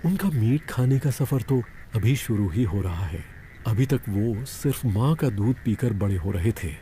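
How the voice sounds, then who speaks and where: A man narrating a wildlife documentary in a dubbed voice-over, explaining calmly. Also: on the low side, a little slow, a little hiss or hum.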